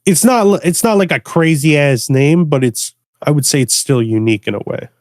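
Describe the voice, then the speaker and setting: A man's voice: on the high side, normal speed, darkish tone, dry recording, studio quality. Laid-back young man, laughing often. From United States. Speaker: guest bass music producer. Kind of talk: casual podcast conversation.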